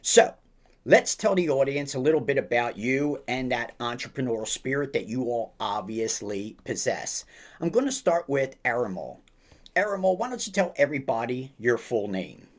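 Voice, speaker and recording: A man's voice: mid-range voice, very animated. Upbeat, emphatic podcast host man. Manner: slow, emphatic, upbeat delivery with drawn-out phrases; repeats praise like a mentor. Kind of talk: podcast interview on a video call.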